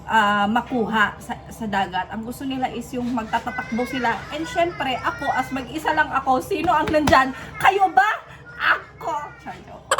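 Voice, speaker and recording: Chatty Filipina mom vlogging at home. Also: female voice, sits high, noisy background. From Philippines. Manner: chatty, self-mocking, playful asides. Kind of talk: casual vlog chat. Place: home kitchen.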